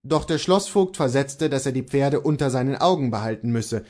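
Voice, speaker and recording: Plain-spoken aggrieved male stable hand in a storybook, a man reading him, lively pitch. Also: normal speed, natural voice.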